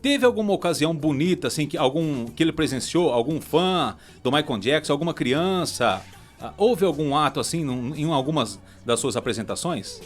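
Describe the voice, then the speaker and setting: Lively, fast-talking male radio host. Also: on the high side. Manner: lively, effusive, stretches words with "é" and "né". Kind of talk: radio interview. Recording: radio studio with music bed.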